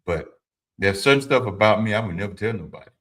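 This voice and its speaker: Man in his fifties, low and forceful, livestream host with a preachy advice style. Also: expressive, fast. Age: 50s. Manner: informal and preachy, repeats his points; speaks to viewers directly, answers chat. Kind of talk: motivational talk to a live audience.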